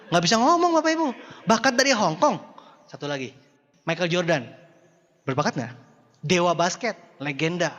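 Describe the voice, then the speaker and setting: A man's voice: high voice, a bit bright. A man giving a motivational seminar talk to an audience in a style, playful and teasing, with mock dialogues and rhetorical questions. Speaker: motivational speaker. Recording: dull echoey hall sound.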